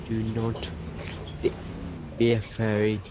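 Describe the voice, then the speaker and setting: A man on voice chat during a game, making slow, low-key short remarks. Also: monotone. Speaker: teammate on voice chat. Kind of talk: casual gaming chat. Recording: loud noise, distant voice.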